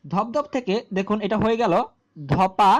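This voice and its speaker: Woman teaching grammar slowly. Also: medium pitch. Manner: slow, repetitive explaining with questions to viewers. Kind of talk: grammar lesson.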